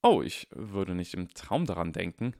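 A man voicing a calm, clever young wizard boy who talks politely with dry wit. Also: low-pitched, normal speed, gravelly, no echo, heavily acted.

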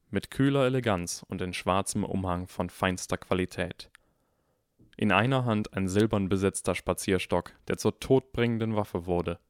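A man reading a fantasy novel aloud as audiobook narrator, steady and expressive. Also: low voice, clean tone, no room sound, studio quality. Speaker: audiobook reader. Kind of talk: scripted narration.

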